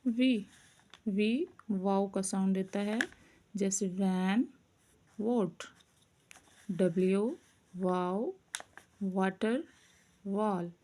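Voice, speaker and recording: Slow, careful woman teaching letter sounds. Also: medium pitch, warm tone, slight background noise. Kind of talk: phonics lesson.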